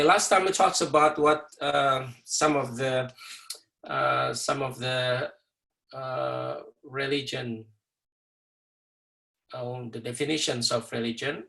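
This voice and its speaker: Gravelly-voiced male professor lecturing. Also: mid-range voice, slow pace, pauses often, pushed and bright, low-quality recording. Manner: hesitant, many fillers, explaining step by step. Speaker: university professor. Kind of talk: online lecture with class introductions. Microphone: video call.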